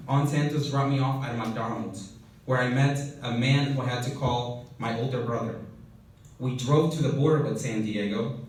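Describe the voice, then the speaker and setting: A man's voice: medium pitch, a little mellow. Young man speaking in a very echoey hall. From Honduras. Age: young adult. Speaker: keynote speaker. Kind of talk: prepared speech. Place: event hall. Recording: very echoey hall from far off, faint noise.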